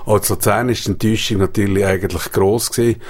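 Fairly low Swiss German radio interviewer. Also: male voice, steady tone, fast, darkish tone. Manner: conversational, probing questions.

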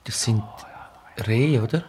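An actor playing a nervous employee with a Swiss German accent who grows more frightened, in a radio play. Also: male voice, mid-range voice, slow, darkish tone, slightly rough. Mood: uneasy. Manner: anxious, frightened, increasingly frantic. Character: nervous young employee, panicking. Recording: radio play with music behind.

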